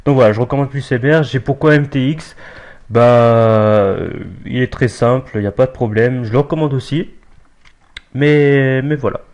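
A young man talks through a software setup on screen in a relaxed, offhand way. He hesitates often, restarts phrases and fills gaps with "euh". His pitch sits in the middle of the usual range for a man. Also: moderate pace, highs cut off. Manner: casual, hesitant, many fillers and restarts. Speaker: tutorial maker. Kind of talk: screen-recorded software tutorial.

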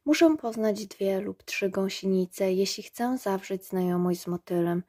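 A woman voicing a proud, delicate female rose in a storybook reading, gently and softly. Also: medium pitch, measured pace, lightly acted. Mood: tender.

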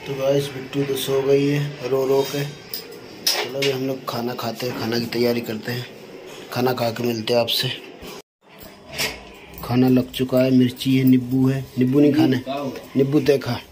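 A man's voice: medium pitch, normal speed, pauses often. A man casually chatting to his viewers while filming his family's day at home. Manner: relaxed, chatty, addresses viewers as guys. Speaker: vlogger. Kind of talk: casual home vlog chat to camera. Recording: noisy home phone recording.

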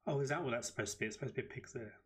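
A British man giving chatty, excitable live commentary as he streams a game at his desk microphone. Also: mid-range voice, very fast. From United Kingdom.

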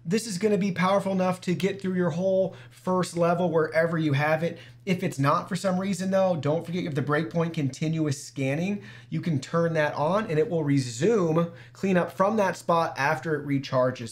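A man giving a relaxed, casual walkthrough of an app as a product reviewer, chatting directly to his viewers. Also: on the high side, moderate pace, few pauses. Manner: easygoing, talks to viewers as "guys".

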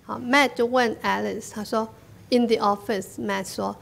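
Woman language teacher, fairly high voice with a gravelly fry, chatty and repetitive, drills phrases slowly. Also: steady tone. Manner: chatty, tacks a drawn-out "ha" onto phrases; repeats phrases slowly for the listener to echo. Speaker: English teacher. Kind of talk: bilingual classroom-style English lesson.

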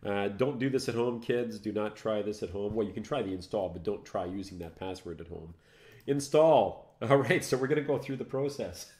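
A man's voice: fairly low pitch, normal speed, darkish tone. A middle-aged French Canadian man hosting a casual live tech show, chatty and self-mocking, laughing often as he works. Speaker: host. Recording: roomy, echoey room sound.

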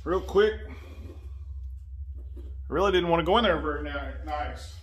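This motorcycle vlogger, a man in his forties, gives a plain-spoken how-to on fitting a windshield in his garage, working with his hands as he talks and wandering off from the phone camera. He has a fairly high voice with lively intonation and a measured pace.

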